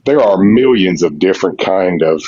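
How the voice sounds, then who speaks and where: A deep, husky-voiced man in his sixties calls in and argues combatively, repeating himself and throwing accusations. His audio is dull and muffled like a call line, and it sounds dry. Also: animated, moderate pace, mellow, no room sound. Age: 60s. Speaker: caller. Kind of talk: heated call-in argument.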